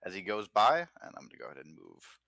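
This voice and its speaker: A man narrating as game master, relaxed and full of fillers. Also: fairly low pitch, quick pace, vocal fry, no echo. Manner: relaxed, filler-heavy narration with many uhs.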